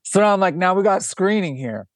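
A documentary director appears as a guest in a conversational storytelling interview, telling animated anecdotes with many restarts and acted-out quoted dialogue. His voice is high-pitched and a little fast. The recording is dry, with clean studio sound.

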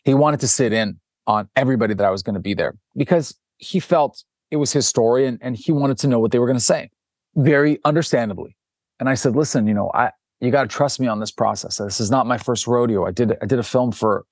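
A documentary director speaks briskly in a medium-pitched voice as a guest in a storytelling interview. He relays animated anecdotes full of restarts and acted quoted dialogue. The studio-quality audio has no room sound.

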